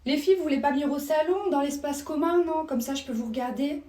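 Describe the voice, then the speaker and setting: A woman's voice: high-pitched, quick pace, warm tone, roomy sound, recorded from a distance, natural voice. A woman voicing a suspicious mother who pries into her teenage daughter's business with fake politeness, in a comedy sketch. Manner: prying, sing-song fake politeness. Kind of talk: comedy sketch role-play.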